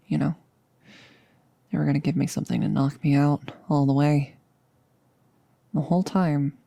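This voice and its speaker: In a close, dry intimate ASMR roleplay with no room sound, a performer plays a nervous girlfriend who jokes to hide it, confiding before she becomes a vampire. Her mid-range, mellow voice has vocal fry and a slightly rough texture. The delivery is unhurried, halting and confessional, slipping into whispers, and the mood is uneasy and confiding.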